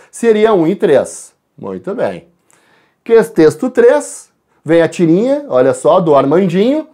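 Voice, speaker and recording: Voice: mid-range voice, a little mellow. A Portuguese teacher with a Brazilian accent goes over exam questions for a class, talks to the students directly, and spells out letters and sounds aloud. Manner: shifts between quick asides and slow stressed words. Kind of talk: recorded exam-correction class.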